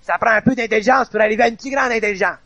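Man, Quebec French accent, high voice, gravelly texture, dry close sound, emphatic colloquial lecturing. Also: rapid-fire, sharp tone, no room sound. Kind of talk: informal spoken lecture.

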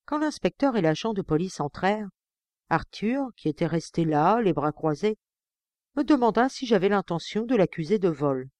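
A woman reads an audiobook in the first person, measured and expressive, at an even middle pitch. The voice sits close to the mic in a dry, dead room. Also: no room sound. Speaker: audiobook reader. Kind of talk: audiobook narration.

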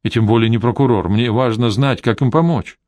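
Man as a calm, insistent private detective. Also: medium pitch, fairly quick, dry recording, close to an everyday voice. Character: persistent male private detective, calm, probing.

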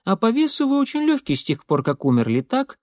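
A man's voice: extremely high pitch, huge pitch swings, darkish tone, no echo, clean studio sound, voice pushed up, heavily acted. A man voicing a bold, bossy young woman. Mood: matter-of-fact. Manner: brisk, matter-of-fact, commanding. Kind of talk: audiobook character voice.

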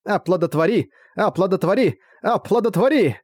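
A man's voice: high voice, very animated, quick pace, darkish tone, dry recording, clean studio sound, pitched above the performer's own voice. A man voicing a group of plucky young female fan-club girls in an audiobook, eager and chirpy. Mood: chanting. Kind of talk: audiobook character voice.

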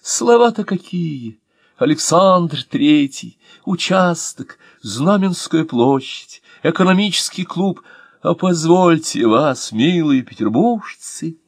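A man reading an audiobook and voicing a sentimental, theatrical older actor who declaims slowly and with feeling. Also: mid-range voice, very animated, no echo, clean studio sound, pitched above the performer's own voice. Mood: nostalgic. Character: lyrical old drunk actor, theatrical, sentimental.

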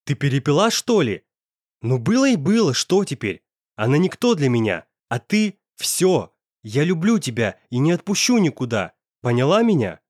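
A man's voice: fairly high pitch, very animated, normal speed, a little mellow, no echo, clean studio sound. A man playing a possessive, hot-tempered young man. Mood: angry. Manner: pressing, emphatic.

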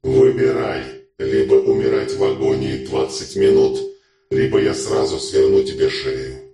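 A man reading a story aloud and voicing a menacing, mocking torturer speaking through a communicator, slow and creepy. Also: sits low, lively intonation. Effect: voice through a communicator, distant and echoing. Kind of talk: audiobook reading. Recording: echoey with loud music behind.

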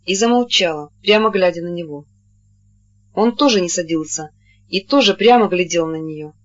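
Measured audiobook narrator, lo-fi sound. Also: medium pitch. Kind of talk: scripted narration.

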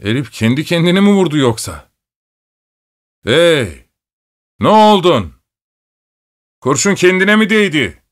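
A man voicing a rough, hungry soldier who barks out insults in a gruff voice. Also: low voice, lively intonation, normal speed, few pauses, no room sound, studio quality. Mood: startled shouting.

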